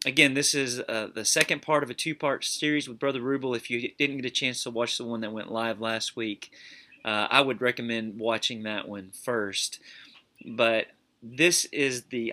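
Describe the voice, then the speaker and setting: A male host introducing an episode in an unhurried way, with a few fillers. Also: mid-range voice, sharp tone.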